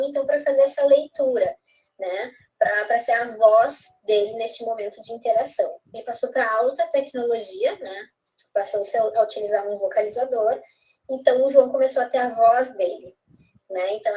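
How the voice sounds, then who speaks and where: A woman's voice: a little high, warm tone. A woman with a Brazilian accent, a speech therapist, giving an explanatory testimonial about her work. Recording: slightly distant from the mic.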